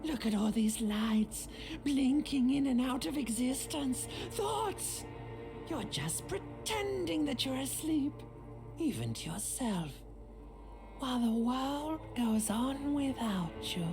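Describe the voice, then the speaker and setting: A woman's voice: high-pitched, lively intonation, takes it slowly, music in the background, heavily acted. An actress voicing a seductive female inner voice of the limbic system in a video game, teasing and coaxing.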